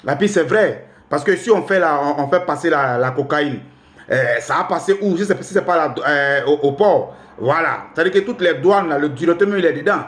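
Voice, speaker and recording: A man's voice: fairly high pitch, lively intonation, a little fast, echoey room. A man, commenting on the news in casual speech, exasperated and pleading, repeating himself.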